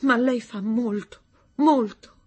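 A sad young pupil who speaks in a wistful, raised voice, voiced by a woman reader. The tone is breathy and fragile, as if near tears, in a storybook reading. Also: a little high, slow, voice pushed up.

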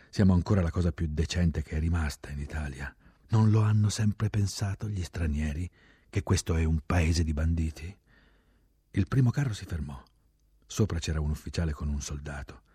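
A man reading a literary war memoir aloud, slow and reflective, dropping to a near whisper at times. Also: sits low, mellow, breathy edge, dry recording, studio quality. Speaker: narrator.

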